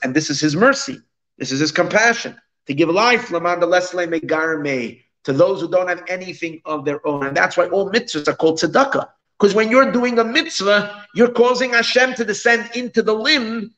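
Guy with a fairly high voice teaching torah, reads a bit then explains it, repeats stuff for emphasis. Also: normal speed, bright, forceful tone, low-quality recording. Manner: emphatic repetition and rhetorical questions. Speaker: religious teacher giving a Torah class. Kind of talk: explanatory text study lecture, reading phrases and translating them.

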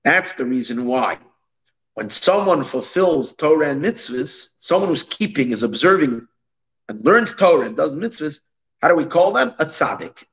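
Guy with a fairly high voice teaching torah, reads a bit then explains it, repeats stuff for emphasis. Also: big pitch swings, moderate pace, a bit bright, poor audio. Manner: emphatic repetition and rhetorical questions. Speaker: religious teacher giving a Torah class. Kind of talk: explanatory text study lecture, reading phrases and translating them.

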